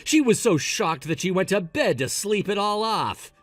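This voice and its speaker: A man plays an impatient, scolding groom who blames his bride for everything, his voice riding fairly high and swinging widely in pitch. The dry, close sound has faint music running behind it in this text-message story. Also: animated, moderate pace, no echo. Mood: angry. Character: blaming, dismissive young groom.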